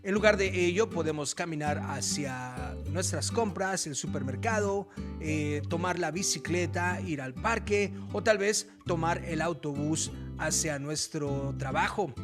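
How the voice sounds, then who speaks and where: A man's voice: fairly high pitch, a little slow, few pauses. A man hosting a community news segment and interviewing a guest in a friendly way. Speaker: news host. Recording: guitar music underneath.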